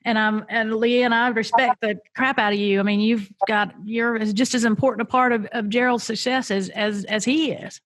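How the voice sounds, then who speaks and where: Warm and emotional, this woman runs a podcast interview, repeating herself when she's moved before turning to speak straight to her audience in closing. Her voice sits on the high side with a steady tone. She talks at normal speed with few pauses, and there's no echo.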